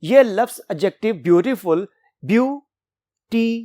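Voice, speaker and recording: A woman teaching an English grammar lecture, slowing down to read each rule in English and then explaining it in her own words. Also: lowish voice, expressive, darkish tone. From Pakistan. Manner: reads English rules out slowly and deliberately, then explains in Urdu. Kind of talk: classroom lecture.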